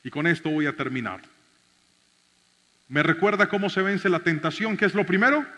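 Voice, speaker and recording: A man, a pastor, preaching a sermon and telling a personal story in an animated way, shifting from shouting to soft speech. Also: a little high, normal speed, big-room sound, slight background noise.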